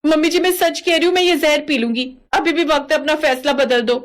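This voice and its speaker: A woman's voice: high voice, a little fast, pitched above the performer's own voice, natural voice. A woman voicing a theatrical young daughter-in-law who pleads dramatically, in a cartoon. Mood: pleading. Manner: pleading, melodramatic. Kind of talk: cartoon voice acting.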